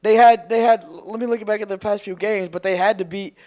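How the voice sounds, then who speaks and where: A man from Texas co-hosting a casual sports chat, excitable and full of slang. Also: sits high, brisk. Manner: excitable, slangy, says bro. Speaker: podcast co-host.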